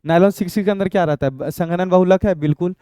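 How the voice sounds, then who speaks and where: A man talks fast through an exam-prep chemistry lecture, coaxing and repetitive, asking questions and answering them on his own. His voice is a little high, mellow and smooth, with a dry, close sound and no room sound.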